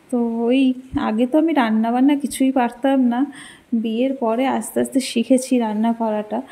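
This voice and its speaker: Young female home vlogger, slightly high voice, easy casual delivery to viewers. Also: rough recording. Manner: chatty, addresses viewers directly; speaks very softly while her child sleeps. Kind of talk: casual home vlog narration. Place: small home kitchen and rooms.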